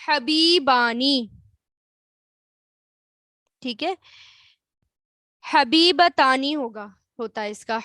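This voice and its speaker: A woman with a bright, high voice teaches an Arabic grammar lesson in an online class, speaking with a Pakistani Urdu accent. She explains slowly, drawing out and repeating words, and poses questions to the class that she then answers herself. The recording is clean studio sound with no room echo.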